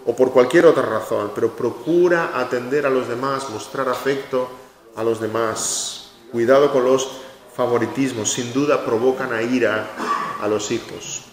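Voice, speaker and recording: A man's voice: mid-range voice, steady tone, moderate pace. A man preaching a sermon in a church hall, emphatic, repeating his key phrases and acting out short quotes. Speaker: pastor. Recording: echoey hall with long reverb.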